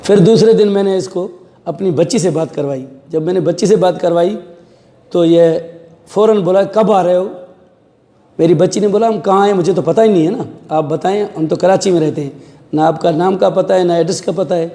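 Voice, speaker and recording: A man's voice: high-pitched, a little fast, dark tone. A middle-aged man, a police officer, telling an interviewer what happened and acting out the voices of the people he quotes. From Pakistan. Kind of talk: recounting events in an interview. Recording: echoey room with long reverb.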